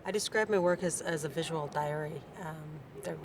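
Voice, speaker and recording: A woman from Seattle speaking as an artist on a panel, talking haltingly with many pauses and restarts. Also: deep voice. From Seattle, United States. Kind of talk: unscripted panel remarks. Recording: audible background noise.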